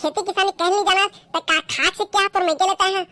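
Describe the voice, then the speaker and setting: A woman's voice: very high voice, fairly even intonation, sharp tone, dry recording. A woman voicing a lazy young village man from a comic skit, grumbling and making excuses in a Chhattisgarhi accent. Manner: whiny, grumbling, quick to complain.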